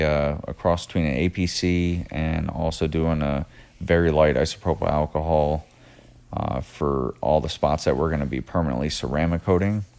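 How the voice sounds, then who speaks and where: A man with a very deep voice and plenty of gravelly fry narrates his detailing shop's work in a flat monotone. His tone stays smooth and clear. He leans on frequent "uh" fillers as he goes. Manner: self-described monotone, many uh fillers. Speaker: detailing shop owner narrating. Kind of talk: voice-over narration of work footage.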